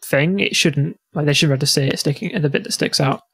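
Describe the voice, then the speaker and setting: A man's voice: fairly high pitch, fast, fairly bright tone. A man casually explaining rules to players as the game master of a tabletop game.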